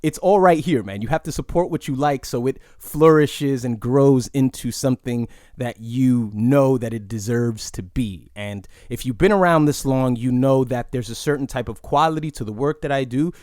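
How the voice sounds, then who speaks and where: A man's voice: mid-range voice, moderate pace, few pauses, darkish tone, no echo, studio quality. Rambling New man hosting a podcast. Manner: reflective and rambling, with many "you know" asides. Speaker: podcast host. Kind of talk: casual solo podcast monologue.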